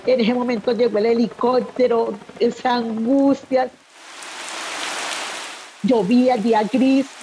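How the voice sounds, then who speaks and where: A woman's voice: a little high, steady tone, a little slow, pauses often, noisy background. A middle-aged woman giving an anguished, emotional personal account in an interview. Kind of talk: personal testimony.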